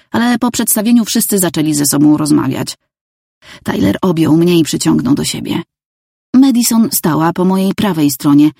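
Woman reading a story aloud, calm, kinda gravelly and dark, dry sound. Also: low voice, no room sound. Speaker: audiobook narrator. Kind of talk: scripted first-person narration.

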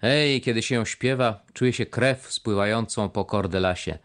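A man's voice: on the low side, moderate pace, a bit bright, lightly acted. A man voicing a sullen young red-haired sailor lad who answers curtly and evasively, reading an audiobook. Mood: grim.

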